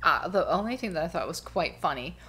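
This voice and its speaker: A woman's voice: lowish voice, lively intonation, a little fast, sharp tone, husky. A young woman co-hosting a podcast, chatting casually about a reality show, rambling with lots of fillers and restarts. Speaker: podcast co-host.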